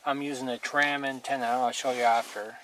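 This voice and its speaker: In a noisy, click-filled amateur recording, a man reviews radio gear as a hobbyist, demonstrating it hands-on in a blunt, casual, mildly crude manner. His mid-range voice barely moves in pitch, and he talks fairly quickly.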